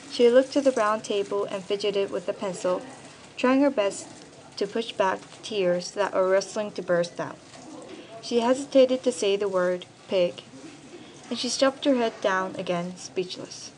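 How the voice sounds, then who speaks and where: A woman's voice: mid-range voice, slight background noise, low-quality recording. A young teenage girl from Korea reading her own personal essay aloud, in a careful, earnest storytelling manner. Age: young teen. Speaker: student essayist.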